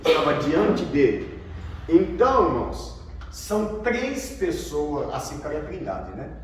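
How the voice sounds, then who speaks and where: His pitch is a little high and swoops wildly as this Brazilian pastor, a bit slow, teaches a Bible lesson and tests his students, frequently echoing their answers. He speaks with a Brazilian Portuguese accent. The sound is distant and echoey, from a large room of students, with faint noise.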